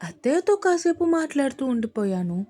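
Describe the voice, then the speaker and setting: A woman's voice: high voice, big pitch swings, brisk, warm tone, voice pushed up. A woman voicing a shy, sweet young wife. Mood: happy.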